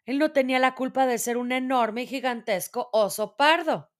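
A woman reading a children's storybook aloud in a gentle, measured way. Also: sits high.

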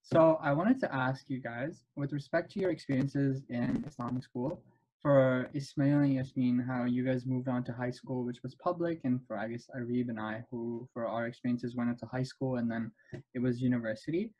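A man hosting a casual podcast chat over a video call, telling stories with quick asides. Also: mid-range voice, steady tone, mellow, highs cut off. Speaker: podcast host.

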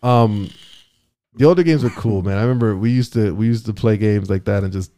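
A man's voice: fairly low pitch, noisy background. A man chatting casually, swearing often and calling his friend "bro", with frequent restarts. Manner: profane, slangy, says "bro" a lot; halting, restarts phrases. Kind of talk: casual chat.

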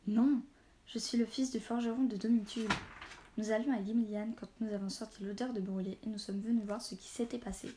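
A nervous young boy, a blacksmith's son, whose words tumble out in eager bursts, voiced by a woman telling the story. His voice stays mellow and warm underneath. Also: mid-range voice, brisk, few pauses, a little hiss or hum, natural voice.

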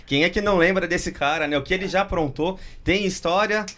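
A man's voice: high-pitched, a little fast, a bit bright. A man co-hosting a podcast, speaking as an eager fan of the guest. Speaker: podcast co-host. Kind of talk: casual podcast chat.

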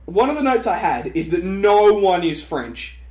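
A man with a high, lively voice chatting casually about a film, laughing often. The room gives his voice a noticeable echo. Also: unhurried. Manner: animated, laughs often, does silly voices. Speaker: podcast co-host. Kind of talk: casual movie review chat. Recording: roomy echo.

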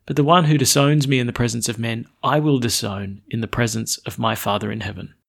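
A man's voice: medium pitch, fairly even intonation, fairly quick, vocal fry. A man speaking as a priest, giving a Gospel reading and homily.

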